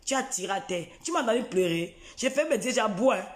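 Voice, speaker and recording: A taunting man, ranting straight into a live video. His voice sits fairly high for a man. He repeats his jabs over and over in an echoey room. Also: animated, fast. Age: 40s. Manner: taunting, repetitive, mocking.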